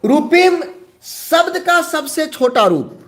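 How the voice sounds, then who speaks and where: A male teacher giving an exam-prep lecture, slowly repeating key terms and answering his own questions. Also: very high voice, sing-song, fairly bright tone.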